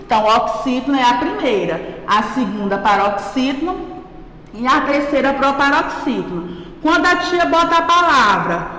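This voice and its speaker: A woman's voice: sits high, animated, sharp tone. A woman teacher with a Brazilian accent giving a patient grammar lesson to children, checking in with "right?" as she goes. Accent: Brazilian Portuguese. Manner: slow, patient, calls herself "a tia", checks with "certo?". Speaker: primary school teacher. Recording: echoey room with long reverb.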